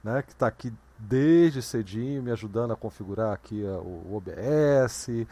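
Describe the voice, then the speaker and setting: Relaxed male host handing over the floor. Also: fairly low pitch, normal speed. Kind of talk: casual live-stream hosting.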